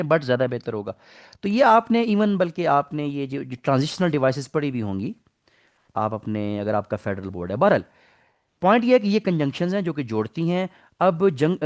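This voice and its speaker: Pakistani urdu accent teacher guy, middle-aged, explains grammar slow and patient, keeps asking the class stuff. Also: a little high, big pitch swings. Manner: explains patiently, asks the class questions and mixes in English terms. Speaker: English teacher. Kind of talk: online class lecture.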